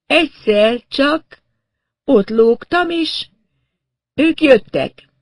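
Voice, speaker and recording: A man voicing a dazed woman in shock, speaking in halting, breathless fragments. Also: extremely high pitch, animated, no echo, clean studio sound, pitched above the performer's own voice. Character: dazed middle-aged woman artist in shock.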